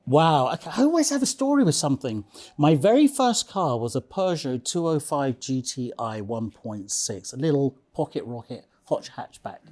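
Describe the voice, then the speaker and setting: A man with a darkish, mid-range voice appears as a casual interview guest, telling anecdotes emphatically. He repeats himself and checks in with the listener by tagging remarks with "okay?".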